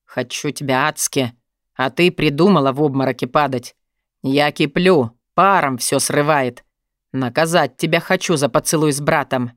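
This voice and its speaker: A possessive young lover with a low, husky murmur, as a woman reader puts him on. He presses each line with brooding intensity in a dry, close audiobook recording. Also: moderate pace, no room sound, lightly acted. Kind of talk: audiobook narration.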